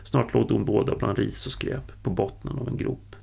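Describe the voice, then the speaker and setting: A man reads a story aloud in the steady, unhurried manner of an audiobook. His voice is deeply gravelly and creaky, and it sounds husky and breathy. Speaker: narrator.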